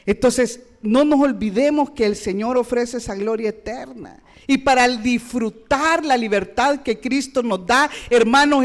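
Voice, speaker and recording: A woman pastor, preaching a sermon with rhetorical questions and playful asides. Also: on the high side.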